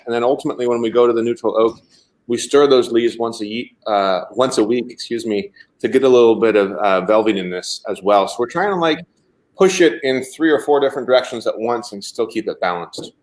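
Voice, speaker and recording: A man with a middle-pitched voice walks through how his wine is made, technical but easygoing. He speaks over a video call, unhurried and detailed. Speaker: winemaker guest. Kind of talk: explaining winemaking on a video call.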